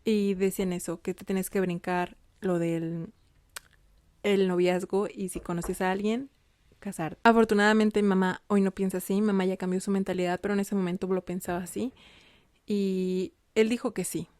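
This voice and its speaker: A woman's voice: medium pitch, little pitch movement, normal speed, darkish tone, no room sound, studio quality. A young adult woman, telling her own story to viewers in a casual, confiding way and often checking in with them. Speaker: vlogger.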